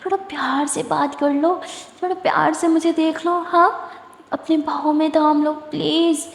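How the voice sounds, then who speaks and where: A woman's voice: sits high, moderate pace, voice pushed up. A woman voicing a sulky, affectionate young woman who pouts and pleads. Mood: pleading, soft. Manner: pouting, pleading. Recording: echoey room with long reverb.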